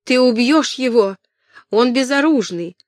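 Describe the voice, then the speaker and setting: A reader voicing a spirited young noble lady who gives sharp, commanding orders. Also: medium pitch, animated, unhurried, no echo, studio quality, lightly acted. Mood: shouting. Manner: sharp, imperious calls.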